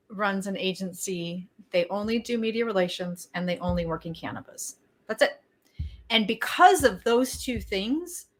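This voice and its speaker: A woman's voice: medium pitch, a bit bright. A woman co-hosting a business podcast, telling stories in a chatty, casual way. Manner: chatty storyteller, laughs easily. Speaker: podcast co-host.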